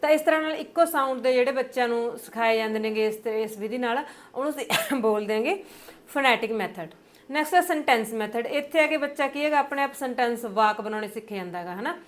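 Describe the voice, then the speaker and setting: A young woman with a Punjabi accent, teaching an exam-prep lesson, explaining patiently with many fillers and reading English points slowly. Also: a little high.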